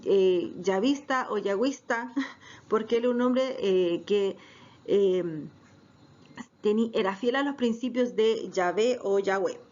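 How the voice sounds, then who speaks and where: A woman's voice: mid-range voice, takes it slowly, darkish tone. A woman teaching a Bible class, hesitant and full of fillers, often checking if listeners follow. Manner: hesitant, many fillers, asks "right?". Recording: dull lo-fi recording.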